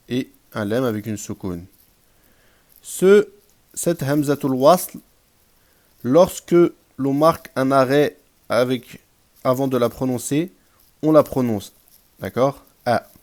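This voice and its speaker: A man's voice: medium pitch, darkish tone. A man teaching an Arabic grammar lesson, patiently repeating examples and checking in with his listeners.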